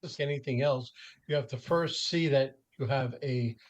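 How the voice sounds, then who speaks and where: In this conversational interview, a professional host poses open questions and backs up what his guest says. His mid-range voice moves at a normal speed, and the recording has its highs cut off.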